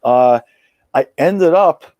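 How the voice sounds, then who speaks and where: Born in Iran and raised in England and the US, this guest musician chats casually over a video call, rambling with many fillers and restarts. His slightly high voice is expressive and warm, moving at a slow pace, and the recording is dry.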